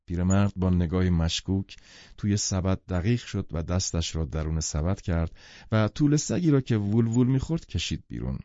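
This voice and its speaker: A man reading a novel aloud in a measured, expressive way, his voice low and dark with lively rises and falls in pitch. The recording is dry and a little dull in tone. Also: dry recording. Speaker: audiobook narrator. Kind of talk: scripted literary narration.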